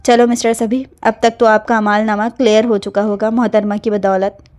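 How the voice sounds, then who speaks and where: A woman's voice: medium pitch, level tone, a little mellow, natural voice. A woman voicing a teasing young male police officer in a storybook reading. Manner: cocky, teasing.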